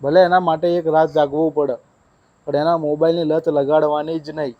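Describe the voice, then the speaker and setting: A man's voice: fairly high pitch, flat delivery, moderate pace, dull audio. A young man chatting casually in a family vlog at home at night, coaxing his small child in between. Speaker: vlogger. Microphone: handheld mic.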